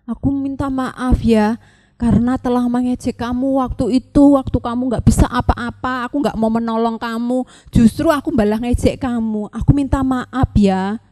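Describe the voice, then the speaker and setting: A woman's voice: on the high side, fairly even intonation, normal speed, dark tone, natural voice. A woman voicing a boastful ant who mocks a cocoon in a children's story. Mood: pleading. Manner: teasing, then begging for help. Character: boastful mocking ant, later pleading.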